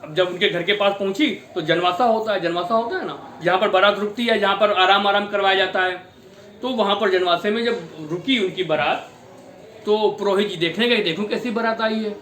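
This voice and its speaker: A man narrating a devotional story in a lively, exclamatory manner. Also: sits high, a little fast. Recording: echoey room with faint noise.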